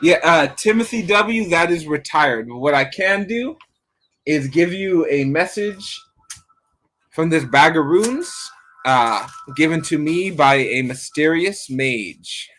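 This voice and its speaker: A man's voice: on the high side, animated, slow, a bit bright, poor audio. A man giving a casual, rambling live-stream reading, talking to his viewers by name. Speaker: online rune reader.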